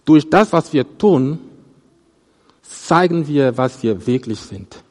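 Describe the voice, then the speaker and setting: A man preaching a sermon on a Bible passage, halting and restarting often, his voice rising on quoted verses and dropping at the ends of phrases. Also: on the high side, lively intonation, a little mellow, long reverb tail. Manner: halting, with repeated restarts and stammers.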